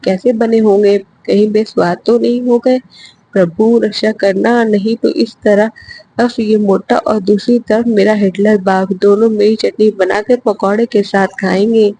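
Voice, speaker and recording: A woman's voice: mid-range voice, fairly even intonation, unhurried, warm tone, husky, rough recording. A woman voicing a lazy, fretful young man who grumbles worriedly to himself, in a storybook reading.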